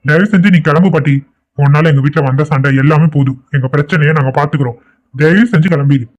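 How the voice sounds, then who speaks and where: A man's voice: fairly high pitch, fast, muffled recording, close to an everyday voice. A man voicing an exasperated grown son in a cartoon, talking firmly. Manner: firm, exasperated. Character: exasperated grown son dealing with family quarrel. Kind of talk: cartoon voice acting.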